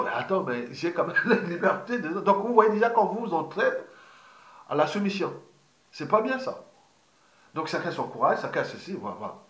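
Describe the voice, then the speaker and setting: A man's voice: on the high side, a bit bright. A man in his fifties from Congo, a political activist giving a digressive monologue, full of fillers, restarts and repeated words. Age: 50s. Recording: roomy echo.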